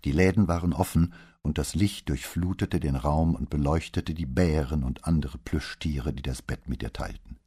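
Man, audiobook narrator, scripted narration, measured storytelling, very deep voice, husky. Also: warm tone.

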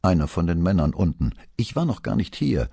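A man's voice: low voice, sing-song, creaky, mellow, husky, dry recording, studio quality, pitched above the performer's own voice, heavily acted. A man voicing a worried, efficient young female police secretary in an audiobook. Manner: worried, quick.

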